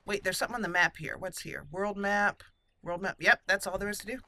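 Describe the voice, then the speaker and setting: Brisk and bright, with a pushed, mid-range voice and fairly even intonation, a gaming channel host plays through a game. She offers casual let's play commentary, chatting and thinking out loud.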